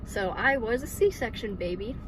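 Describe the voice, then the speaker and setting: A woman in her twenties from Michigan shares her personal faith story as a vlogger, her fairly high voice animated and at a normal speed. She's giggly and uses lots of ums and likes, and there's background noise in the recording.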